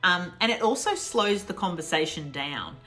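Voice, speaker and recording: An Australian woman giving a casual online English lesson, chatty and laughing often, slowing down to repeat example phrases. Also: on the low side, expressive, bright, forceful tone, faint music behind. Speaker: English teacher.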